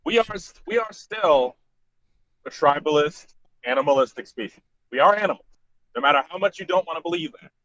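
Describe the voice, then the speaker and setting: A man's voice: a little high, expressive, a little fast, fairly bright tone, dry recording. A man arguing earnestly on a group video call from a tablet, his voice cutting in and out as the connection drops. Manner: earnest, argues in broken fragments. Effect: voice cutting in and out over a weak online call connection. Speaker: hangout participant. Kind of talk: casual debate on a group call. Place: on the road. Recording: dry, muffled call audio.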